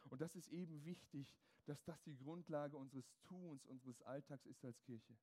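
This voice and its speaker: High-voiced man preaching with emphasis. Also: moderate pace, dark tone. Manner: emphatic, string of rhetorical questions. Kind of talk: sermon.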